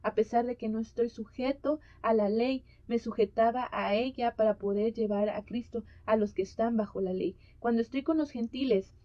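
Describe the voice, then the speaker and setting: A woman's voice: on the high side, fairly even intonation, moderate pace, few pauses, no echo. A woman giving a conference talk on mission and culture, hesitant with many fillers as she reads Bible passages aloud. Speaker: conference speaker. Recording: dull lo-fi sound.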